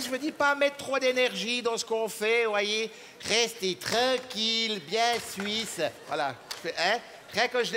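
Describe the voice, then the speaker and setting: A man from Switzerland with a Swiss French accent doing deadpan stand-up on a large theater stage, hesitating and filling pauses as he talks. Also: sits high. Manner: deadpan, hesitant, many fillers. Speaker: stand-up comedian. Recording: live hall with reverb and noise.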